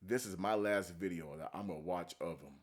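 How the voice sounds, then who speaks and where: A man's voice: sits low, a little fast. A man giving casual, blunt, profane reaction commentary as he preaches about scripture. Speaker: commentary video host.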